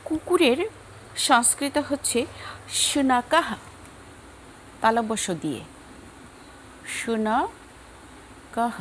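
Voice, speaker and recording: Young bangladeshi woman teaching, slow and careful, repeats every word, bit high voice. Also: slight background noise. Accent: Bangladeshi Bengali. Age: young adult. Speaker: Sanskrit teacher. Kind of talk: classroom lesson, slow repetition drills.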